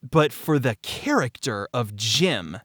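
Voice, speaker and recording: In a clean, studio-quality recording with no room sound, a man in his forties who creates an audio drama shares behind-the-scenes stories. His medium-pitched, fairly bright voice is very animated yet slow, and he speaks candidly and emphatically, repeating phrases for stress in conversational storytelling.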